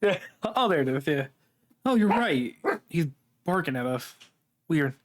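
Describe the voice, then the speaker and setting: A man's voice: on the high side, sing-song, a little slow, noisy background. A man narrating as game master of a casual tabletop game, laughing often between rulings.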